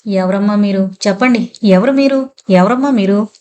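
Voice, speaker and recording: A woman's voice: medium pitch, moderate pace, a little mellow, lightly acted. Brief: timid, polite man, coaxing and pleading, a woman doing the voice. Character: timid man, gentle and begging.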